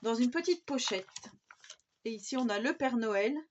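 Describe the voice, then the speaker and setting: A woman's voice: a little high, expressive, normal speed. Woman scrapbooker, easygoing chatty haul talk, dull home recording with a faint hiss. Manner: chatty, with many fillers and restarts. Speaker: scrapbooking YouTuber. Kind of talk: casual craft haul show-and-tell.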